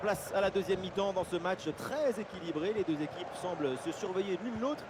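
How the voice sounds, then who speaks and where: A man giving excited football commentary as play-by-play, with exclamatory calls. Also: sits high, a little fast, a crowd in the background. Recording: loud stadium-like background noise.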